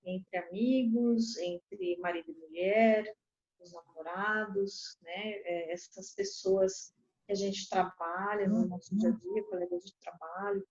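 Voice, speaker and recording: A Brazilian woman, a lawyer, explaining calmly and acting out quoted dialogue animatedly. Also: mid-range voice, takes it slowly, gravelly. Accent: Brazilian Portuguese. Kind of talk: explanatory talk. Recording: dull lo-fi recording.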